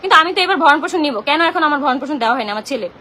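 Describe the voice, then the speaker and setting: A young woman with a Bangladeshi Bengali accent rants on a live stream into her phone, agitated and confrontational, complaining rapidly. She's a social media livestreamer with a high, animated, pushed and bright voice. A little hiss or hum is audible.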